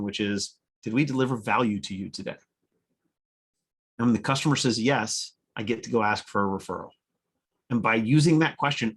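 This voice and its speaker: A man giving a conference-style talk to business owners, blunt and energetic, with casual swearing and acted-out customer dialogue. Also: mid-range voice. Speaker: presenter. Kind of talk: conference talk replayed on a webinar.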